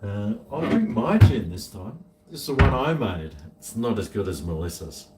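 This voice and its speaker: A man with a broad New Zealand accent chats casually to viewers from a home kitchen, rambling and thinking aloud in a laid-back way. His voice is lowish and very animated at a moderate pace, and the distant mic picks up an echoey room and faint noise.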